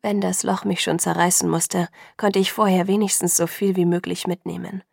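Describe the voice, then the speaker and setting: A woman reading a novel in the first person in a soft, hushed manner. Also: fairly low pitch, little pitch movement, moderate pace, creaky, no echo, clean studio sound. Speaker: audiobook narrator.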